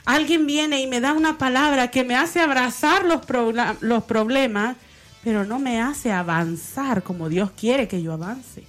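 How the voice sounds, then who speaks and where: High-voiced woman in earnest Bible talk. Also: measured pace, faint music behind. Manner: earnest and personal, reads verses aloud. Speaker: Bible study co-host. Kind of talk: Bible study conversation.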